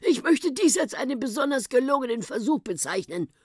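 A woman voicing an excitable, eccentric old male professor in a storybook reading, with a high, fussy, emphatic delivery. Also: brisk, slightly rough, no room sound, clean studio sound, heavily acted. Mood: excited.

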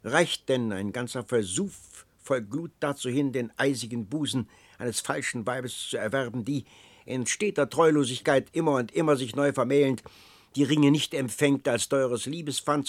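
An old counselor who is flattering and full of flowery persuasion, as a male reader puts him on. He speaks in long, coaxing sentences in a storybook reading. The voice has a middle pitch and a dry, close sound. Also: normal speed, no echo, close to an everyday voice. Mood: persuasive.

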